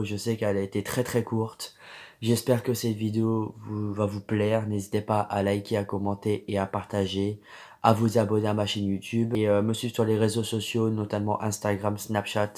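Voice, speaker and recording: A man's voice: fairly low pitch, level tone, normal speed, darkish tone. A man hosting a casual vlog, speaking affectionately to viewers and stumbling over fillers and restarts. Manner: hesitant, many fillers and restarts. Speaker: beauty YouTuber host.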